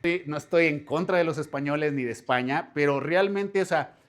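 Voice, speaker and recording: Chatty Mexican man, a bit high. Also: moderate pace. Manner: animated, chatty, uses slang, rhetorical questions. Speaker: language teacher and bookshop channel host. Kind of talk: casual book review to camera.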